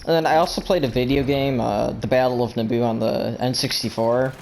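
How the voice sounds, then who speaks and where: A man hosting a relaxed group chat, his voice carrying a gravelly fry. He keeps the talk moving with an upbeat manner. A faint hiss sits underneath. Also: mid-range voice, a little fast, poor audio. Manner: upbeat, leads the discussion. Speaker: podcast host.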